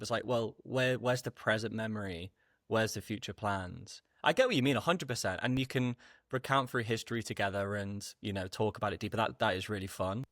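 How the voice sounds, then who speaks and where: A man's voice: on the low side, fairly bright tone, no room sound, studio quality. Easygoing man telling stories. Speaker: podcast co-host. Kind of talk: casual chat.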